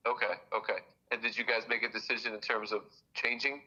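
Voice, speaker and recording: A man's voice: mid-range voice, flat delivery, quick pace, bright, forceful tone. A man giving a report to a board while heard through a phone on speakerphone, hesitant and full of "uh" and restarts. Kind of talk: reporting at a public meeting by phone. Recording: muffled phone call over a room speaker.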